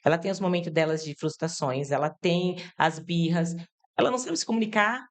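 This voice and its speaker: A woman with a somewhat low voice leads a casual interview, addressing listeners directly. She talks in a chatty, explanatory way and keeps checking in with little tag questions. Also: fairly quick. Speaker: podcast host. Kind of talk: conversational interview.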